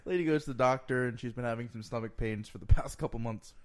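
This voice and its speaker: A man's voice: medium pitch, fast. A young man trading jokes with a friend in casual chat, bursting into laughter. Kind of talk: casual joke-telling chat.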